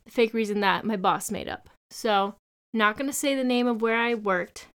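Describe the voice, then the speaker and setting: A woman's voice: a little high, normal speed, fairly bright tone, clear, resonant tone. A young woman hosting her own podcast, chatting casually with sarcastic, rambling asides. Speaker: podcast host. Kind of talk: casual solo podcast chat.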